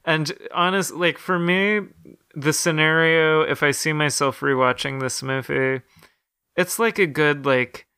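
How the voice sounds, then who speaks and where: A man's voice: fairly high pitch, unhurried, pushed and bright, clean tone, no echo, clean studio sound. A man co-hosting a podcast, chatting casually about a horror film with many fillers and restarts. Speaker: podcast co-host.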